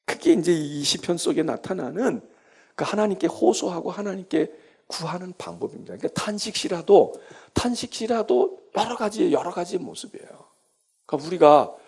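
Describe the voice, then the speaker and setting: A male pastor giving a Bible lecture sermon, acting out prayers and children's pleas in a lively way. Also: sits high, normal speed, creaky, breathy edge.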